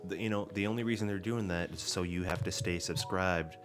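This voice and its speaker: Deep-voiced man ranting casually. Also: fairly quick, music in the background. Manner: profane, ranting storyteller. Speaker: podcast co-host. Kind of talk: casual chat.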